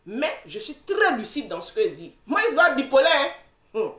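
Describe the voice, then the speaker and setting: A woman with a high, lively voice argues in a confrontational, repetitive way, often breaking into mocking laughter. Her voice swings widely in pitch. She sounds like she is in an echoey room. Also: moderate pace. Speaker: social media commentator. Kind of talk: heated live argument.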